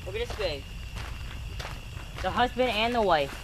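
High-voiced man chatting outdoors in noise. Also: lively intonation, measured pace. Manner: slangy, exclamatory. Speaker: exploration companion. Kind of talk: casual chat. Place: outdoors in a graveyard at night. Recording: noisy outdoor camera recording.

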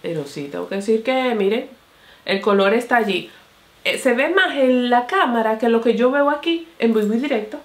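A woman's voice: fairly high pitch, animated, moderate pace. Chatty woman beauty vlogger, echoey room. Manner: chatty, addresses viewers as señores and mi amor. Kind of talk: casual makeup review to camera.

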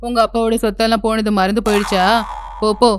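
A woman voicing a harsh, stingy mother-in-law in a cartoon story, with a sharp, bossy, scolding manner. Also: on the high side, level tone, fast talker, slight background noise, lightly acted. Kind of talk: cartoon voice acting.

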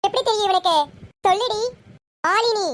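Bossy, scornful elder sister voiced by a very high-pitched performer; soap-serial spoof. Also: moderate pace. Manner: shouting insults, scornful. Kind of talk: serial parody skit.

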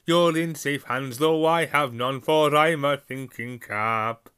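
A proud old magical hat, which a man voices, recites its rhyme slowly and grandly, pitched up and loud. The voice is bright and forceful, a storybook character with a jovial, booming manner. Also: clear, resonant tone. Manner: sing-song rhyming recital, slow and booming. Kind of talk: audiobook character voice.

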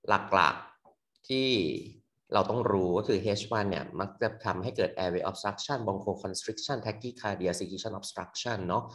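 A young man tutoring medical students in a loose, quick exam review full of fillers. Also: fairly low pitch, fairly bright tone. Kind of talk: casual exam review lecture. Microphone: computer mic on a screen recording.

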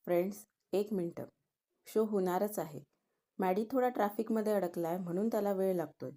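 A woman reading a story aloud, voicing a harried male organizer who pleads with a crowd to calm down. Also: mid-range voice, normal speed, natural voice.

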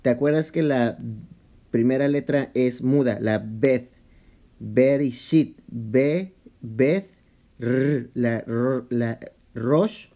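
A man explaining a Bible study in a casual vlog, talking halting and conversational with many restarts and English slang mixed in. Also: mid-range voice, steady tone, warm tone. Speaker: vlogger.

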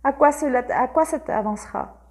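A woman voicing a lazy, bantering young male painter who talks loudly and offhandedly. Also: high voice, normal speed, lightly acted. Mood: teasing.

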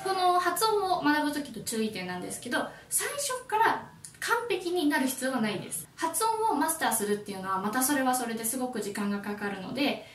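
A Japanese woman who teaches English, giving a friendly and lively YouTube lesson. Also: high-pitched, fairly quick, roomy sound, recorded from a distance.

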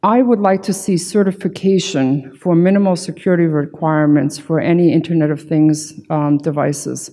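Through a podium gooseneck microphone and a reverberant hall PA, a middle-aged female security consultant gives a keynote at normal speed with hardly any pauses. Her deep, dark voice stays fairly even as she speaks emphatically and casually, often checking in with "right" and "you know."

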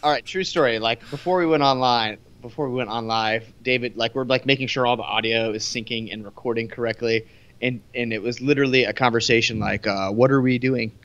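A man's voice: mid-range voice, fairly bright tone, smooth. Wisecracking male co-host, dull sound. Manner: quick, wisecracking, trailing off. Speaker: podcast co-host, photography mentor. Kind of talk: casual live podcast banter.

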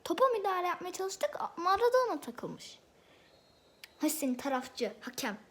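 A woman's voice: very high-pitched, moderate pace. A woman hosting a gameplay video, talking through her own football match as she plays, exclaiming at passes and arguing with the referee. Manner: excitable, exclaims and argues with the referee. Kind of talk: live football game commentary.

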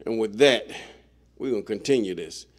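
A middle-aged man reading scripture aloud and breaking in with his own blunt comments. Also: on the low side. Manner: reads slowly, breaks in with blunt asides.

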